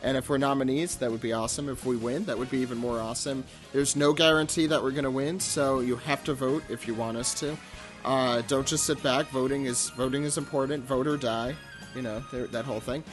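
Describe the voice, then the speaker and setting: A man hosting a podcast in a casual, unscripted way, halting and stumbling over his words. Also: mid-range voice, steady tone, soft background music. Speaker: podcast host.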